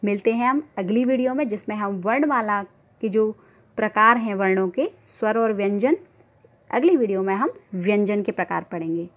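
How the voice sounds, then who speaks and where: A woman's voice: medium pitch, moderate pace. A woman giving an online grammar lesson, asking questions and answering them herself, and drawing out sounds to demonstrate them. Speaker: Hindi grammar teacher.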